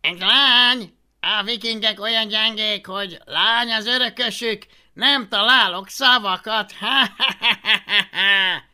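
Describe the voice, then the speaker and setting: A woman's voice: medium pitch, pushed and bright, voice pushed up. Woman doing jeering, cackling Roman spectators. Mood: mocking. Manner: mocking, cackling laughter. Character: jeering Roman crowd men, mocking.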